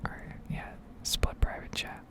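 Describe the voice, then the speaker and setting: Measured and unhurried, a woman's breathy, heavy whisper sits close to the microphone. Her hesitant, casual rambling recalls an ASMR gameplay video.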